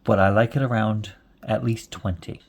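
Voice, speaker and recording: A man in his forties talks on casually as he works through his knitting, rambling from one story to the next and chuckling along the way. His voice sits on the low side, with a faint hiss in the background. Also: fairly even intonation, moderate pace. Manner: chatty and rambling, with frequent chuckles. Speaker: knitting vlogger. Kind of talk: casual chat while knitting.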